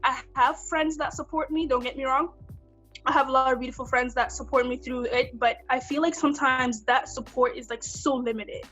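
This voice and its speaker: A woman's voice: sits high, fairly even intonation, moderate pace, fairly bright tone, soft background music. A woman who models, co-hosting a casual podcast chat, speaking candidly and emphatically with frequent restarts.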